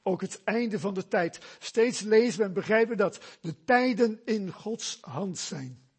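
Slow, husky-voiced preacher. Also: male voice, high-pitched, lively intonation. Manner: slow, emphatic preaching with rhetorical questions. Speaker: pastor. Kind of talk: sermon.

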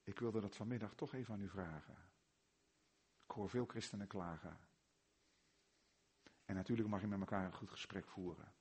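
A man with a Netherlands Dutch accent preaching a sermon, firing rhetorical questions and swinging from hushed tones to loud emphasis. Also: fairly low pitch, moderate pace, pauses often, breathy edge.

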